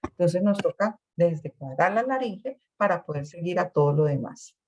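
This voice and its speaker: A woman's voice: on the low side, expressive, normal speed, a little mellow, dull audio. Female lecturer, a classroom explainer who repeats words as she thinks and asks "¿sí?". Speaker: speech therapy lecturer.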